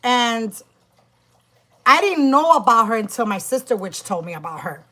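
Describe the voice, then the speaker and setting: A middle-aged woman tells a story to her camera in a casual vlog, cursing freely and restarting her sentences as she builds her point. Her voice is bright and sits a little high. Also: big pitch swings, moderate pace. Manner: emphatic, profane, many restarts. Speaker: spiritual practitioner and YouTuber.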